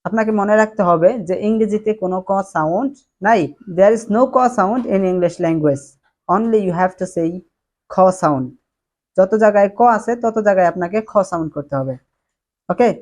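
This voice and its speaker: A woman's voice: medium pitch, darkish tone. A woman teaching English pronunciation, repeating each sound and word several times. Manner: slow, drilled repetition of words. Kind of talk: pronunciation lesson.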